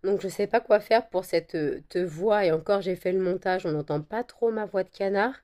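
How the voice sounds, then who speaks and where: A woman with a croaky voice from a cold, chatting casually to camera with many fillers and repeated words. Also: moderate pace, dark tone. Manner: coos at her dogs in a high sing-song. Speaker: vlogger selling handmade candles and wax melts.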